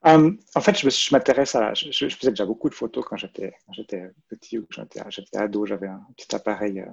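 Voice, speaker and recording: Invité, homme de quarantaine, accent vaudois, cherche ses mots, timbre grave. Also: male voice, on the low side, fairly even intonation, fairly quick, creaky, slightly rough. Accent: Swiss French, Vaud. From Switzerland. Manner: hesitant, many fillers and restarts. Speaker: guest, librarian and photographer. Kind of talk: casual interview answers. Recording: muffled, lo-fi.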